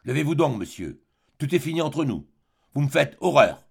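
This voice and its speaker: An indignant, dignified middle-aged baroness who rebukes in a declamatory tone, as a male audiobook reader puts her on. The voice swings widely in pitch and carries a gravelly, husky edge. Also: sing-song, a little fast, a little mellow, exaggerated voice.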